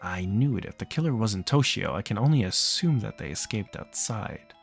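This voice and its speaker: A man's voice: on the low side, expressive, normal speed, gravelly, faint music behind. A man reading a visual novel's text aloud for a let's play, narrating plainly and stopping now and then to joke and laugh. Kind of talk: reading game text aloud with casual asides.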